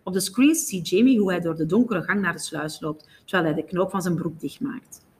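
A woman narrating a novel in a steady, even storytelling manner. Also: on the low side, fairly quick, a little hiss or hum. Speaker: audiobook reader.

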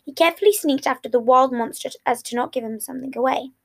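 A woman's voice: sits high, quick pace, gravelly. A woman reading fan fiction aloud, often slipping and restarting lines. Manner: reads with frequent slips and restarts. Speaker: reader.

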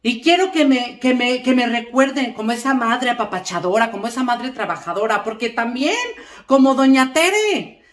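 A gossipy middle-aged mother, played by a woman rambles through a comic monologue, sprinkling little checks on her listener. Her voice sits a touch high. The recording carries a roomy echo. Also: animated, moderate pace, lightly acted. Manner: chatty, rambling, keeps asking "¿eh?" and "fíjate". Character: gossipy middle-aged Mexican mom lecturing family.

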